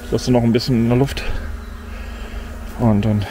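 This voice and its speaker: In a forest, a middle-aged man testing a drone talks to himself at normal speed in a mid-range voice with little pitch movement. The drone vlogger mutters mildly disappointed, casual commentary, and the recording catches buzzing insects and faint outdoor ambience.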